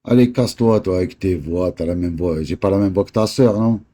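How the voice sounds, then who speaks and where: A man telling boastful, crude stories in rough street slang, close to the mic indoors. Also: deep voice, a little fast, dark tone. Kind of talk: casual storytelling on a live stream.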